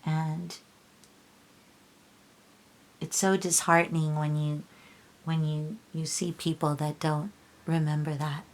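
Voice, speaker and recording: A woman talks slowly through a tarot reading in a low-pitched voice. She is earnest and a little preachy, circling back over her words and restarting sentences. She sounds emotional, close to tears. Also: little pitch movement. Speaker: tarot reader. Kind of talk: casual tarot reading vlog.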